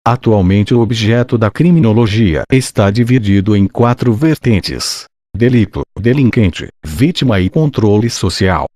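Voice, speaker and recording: Robotic brazilian guy reading a lesson, kinda formal, mellow voice, super dry sound. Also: on the low side, expressive, a little slow, no room sound. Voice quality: robotic, synthetic. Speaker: narrator of an exam study summary. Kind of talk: scripted educational narration.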